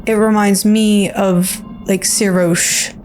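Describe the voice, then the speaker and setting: Faint music plays behind a video creator and host as she riffs on a video game trailer in an informal, playful, slangy way packed with fillers. Her medium-pitched voice is darkish and level, and she takes it slowly.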